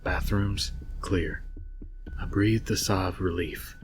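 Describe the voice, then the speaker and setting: Low, haunting male horror narrator. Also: noisy background. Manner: measured, scripted reading. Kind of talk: scary story narration. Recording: music behind the voice. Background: music.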